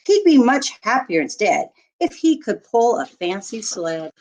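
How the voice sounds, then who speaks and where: Reading a rhyming picture book to children, this teacher is animated and a little high-pitched, and the recording is rough. She tells the story expressively and deliberately, dropping in short asides to her listeners.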